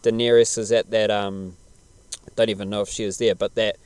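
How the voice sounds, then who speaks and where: Low, smooth New man, casually chatting. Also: little pitch movement, a little fast, darkish tone, no room sound. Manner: laid-back, slangy, rambling. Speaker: podcast host. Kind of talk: casual podcast chat about television.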